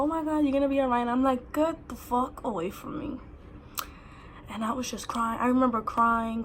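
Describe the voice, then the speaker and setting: A woman's voice: fairly high pitch, slight background noise. Blunt young New woman vlogger. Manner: blunt, profane, animated quoting of others. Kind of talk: casual storytelling.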